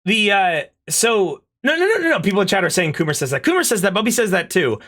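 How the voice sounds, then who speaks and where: Sex: man. Role: commentary stream host. Style: casual chat. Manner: animated, laughing. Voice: high and bright. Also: fast talker. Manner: animated, laughing, many fillers.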